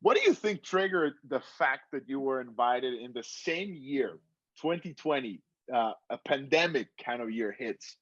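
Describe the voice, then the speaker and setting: A man's voice: medium pitch, big pitch swings, normal speed, fairly bright tone, no echo. A man hosting a casual interview, asking long, winding questions. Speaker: interviewer and show host. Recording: slightly dull, dry lo-fi sound.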